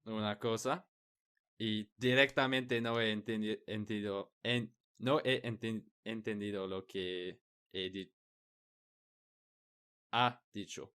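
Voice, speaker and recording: Slow, hesitant man learning the language. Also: fairly low pitch, fairly even intonation, fairly bright tone, clean tone. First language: not Spanish. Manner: hesitant, searching for words with many restarts. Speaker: podcast host. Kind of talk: casual conversation in a learned language.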